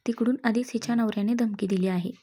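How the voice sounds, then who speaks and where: A woman's voice: fairly high pitch, fairly even intonation, fast talker, dark tone, close to an everyday voice. A woman voicing a grumbling but fond older brother in a read-aloud story. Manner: gruff, scolding.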